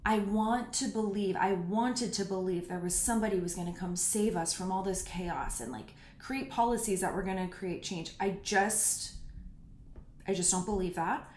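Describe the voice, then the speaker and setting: A woman in her 30s hosts a casual solo podcast, answering listener questions frankly and bluntly, even on personal topics. Her mid-range voice is a little mellow and moves at normal speed. There is roomy echo and a little hiss or hum.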